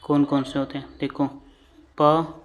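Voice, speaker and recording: A man with an Indian English accent gives a slow classroom lesson at a board on shorthand vowels, patiently repeating each term as he writes. His voice is a little high, level in tone, and slow.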